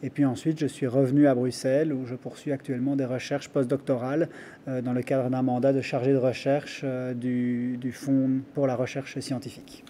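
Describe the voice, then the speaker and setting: Dark-voiced Belgian French man. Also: mid-range voice, flat delivery, a little hiss or hum. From Brussels, Belgium. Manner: careful, measured explaining with frequent pauses and restarts. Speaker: guest researcher. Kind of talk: academic interview.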